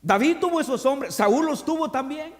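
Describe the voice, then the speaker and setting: High-voiced man preaching in a reverberant church. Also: lively intonation, normal speed. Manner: swings between loud proclamations and quiet, confiding asides; reads scripture aloud and addresses the congregation directly. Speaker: pastor. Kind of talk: sermon. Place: church during an evening service. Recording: long reverb of a church hall.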